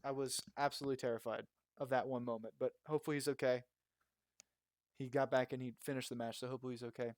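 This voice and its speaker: A man's voice: mid-range voice, level tone, quick pace, darkish tone, dry recording. A young man co-hosting a casual wrestling review podcast, rambling with lots of fillers and cheerful swearing. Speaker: podcast co-host. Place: makeshift home recording spot.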